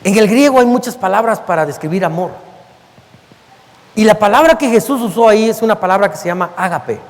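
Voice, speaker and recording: A man with a Mexican Spanish accent preaching a sermon as pastor, emphatic and earnest, calling his listeners beloved and slowing down to give his words weight. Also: sits high, lively intonation. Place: church sanctuary. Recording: long church-hall reverb.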